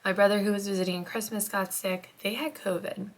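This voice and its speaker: A young stay-at-home mom vlogs while getting ready at home, chatting casually to camera and rambling with lots of "like." Her mid-range voice is steady in tone, a little fast, and slightly hoarse and congested after being sick. At times it drops to a soft near-whisper.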